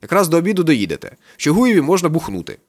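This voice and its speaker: A man reading an audiobook, voicing a cheerful, naive chubby young man who talks eagerly and chattily, pitching his voice up and speaking louder. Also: huge pitch swings, rapid-fire, dry recording, clean studio sound, heavily acted. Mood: chatty. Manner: eager, chatty, slightly slangy.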